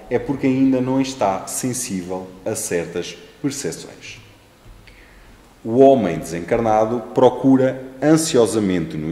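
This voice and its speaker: A man with a European Portuguese accent giving a spiritist lecture in a measured, solemn manner with frequent restarts. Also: lowish voice, warm tone. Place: lecture hall. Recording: echoey hall with long reverb.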